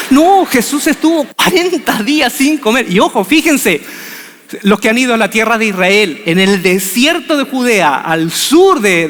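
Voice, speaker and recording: A man preaching a sermon, telling the story in an animated, humorous way. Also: very high-pitched. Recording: long reverb of a large hall.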